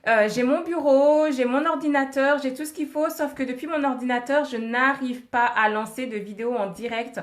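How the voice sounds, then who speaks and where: Woman, MLM coach live on a handheld phone, chatty and upbeat, higher voice, echoey home office. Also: normal speed, hardly any pauses. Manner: chatty, laughs often, greets viewers by name. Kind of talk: casual live-stream chat with viewers. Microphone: phone held in hand.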